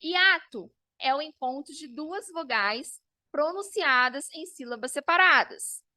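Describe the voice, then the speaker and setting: A woman's voice: high voice, animated, unhurried, sharp tone, no room sound. A woman teacher, giving an online review lesson and explaining step by step, often checking in with her students.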